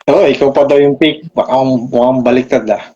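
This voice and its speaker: Isang lalaking bisita sa kaswal na kuwentuhan, sumasang-ayon at tinatawag na bro ang kausap. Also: male voice, medium pitch, fairly even intonation, normal speed, dark tone. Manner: agreeable, calls the host bro. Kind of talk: casual chat. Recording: dull lo-fi line with faint noise.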